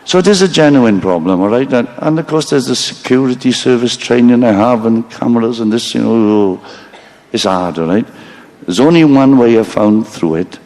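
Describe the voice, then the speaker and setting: A stand-up storyteller rambles through a live stage monologue in a mid-range, darkish voice at normal speed. He swears freely, mocks himself, and stops to apologize for his slip-ups.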